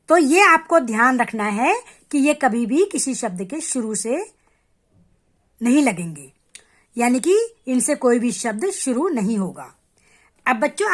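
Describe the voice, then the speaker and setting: A woman teaching a grammar lesson to children, patient and step by step, addressing them directly and sounding out letters slowly to show how they are said. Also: fairly high pitch. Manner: repeats sounds slowly and clearly to demonstrate.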